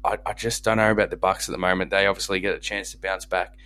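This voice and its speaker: A man's voice: sits low, flat delivery, quick pace, bright, forceful tone, clear, resonant tone. A man with an Australian accent hosting a casual sports discussion podcast.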